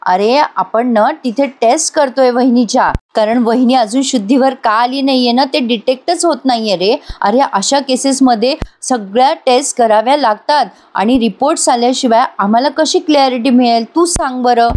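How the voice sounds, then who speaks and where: A woman narrator voicing a calm younger brother, a doctor, who gently reassures his upset sibling. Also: extremely high pitch.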